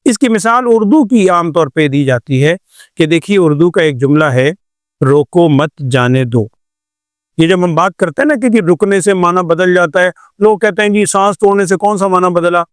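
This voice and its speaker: An older man from Pakistan gives a patient classroom lecture on Quran recitation, repeating examples and asking rhetorical questions. His voice sits somewhat high and comes across smooth and resonant. The sound is close and dry, with no room around it. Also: no room sound.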